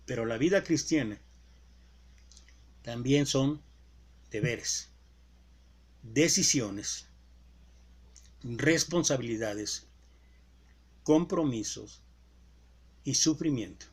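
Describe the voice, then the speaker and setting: A male preacher giving a sermon with deliberate emphasis and rhetorical questions. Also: mid-range voice, expressive, slightly rough.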